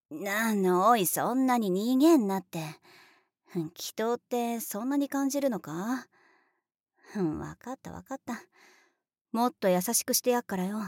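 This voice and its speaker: In this partly whispered adult audio drama, a young woman voices a tomboyish, brash big sister whose bossiness is blunt and boyish, with teasing laughter as she talks down to the listener. Her pitch is ordinary and middle, and the recording is extremely dry and close-miked, without any room sound. At times she falls into a hushed whisper.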